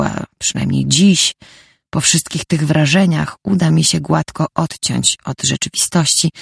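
Gravelly, husky woman reading a novel. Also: sits low, dry recording, studio quality. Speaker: audiobook narrator. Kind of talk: first-person novel narration.

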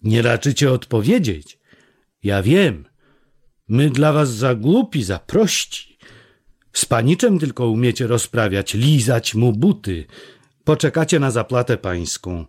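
A man voicing a proud, sharp-tongued young village woman who mocks and scolds in a raised voice. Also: medium pitch, sing-song, measured pace, slightly rough. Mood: scolding. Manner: mocking, scolding.

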